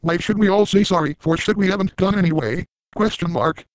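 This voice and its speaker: A man's voice: sits high, fairly quick, dry recording, lightly acted, rough recording. A man voicing a crude, unhinged middle-aged cartoon dad in a comedic parody monologue. He rambles and keeps repeating silly sound effects. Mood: manic boasting.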